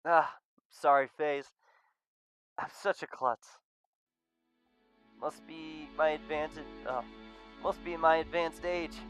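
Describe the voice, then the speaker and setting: A man voicing an older male furry homeowner who is warm and klutzy, in a visual novel reading. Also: slow, pauses often, soft background music. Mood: sheepish. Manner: excitable, rises high when flustered.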